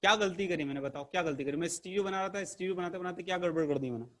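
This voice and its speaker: A man's voice: high-pitched, rapid-fire. A man teaching an online chemistry lesson to camera in a playful, theatrical way, teasing his class. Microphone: camera mic.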